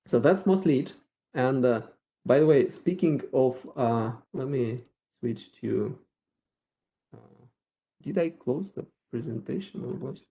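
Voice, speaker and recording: A man with a Russian accent walks through a live software demo, thinking aloud and restarting his sentences as he clicks around. His voice is gravelly and mellow, and his pitch sits at a middle level. He talks into a computer mic on a video call. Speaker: featured speaker at a developer meetup.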